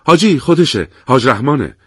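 A man voicing a cheerful male officer who reports good news excitedly. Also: medium pitch, breathy edge, no echo, clean studio sound. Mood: joyful. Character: joyful male comrade officer.

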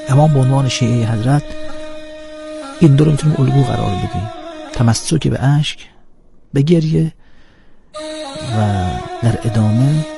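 A man's voice: mid-range voice, vocal fry. A man giving an earnest, emphatic religious lecture. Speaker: religious speaker. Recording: music playing under speech.

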